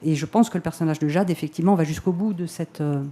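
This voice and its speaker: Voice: medium pitch, fast, warm tone. A filmmaker giving reflective, hesitant answers at a press conference, often repeating words while thinking.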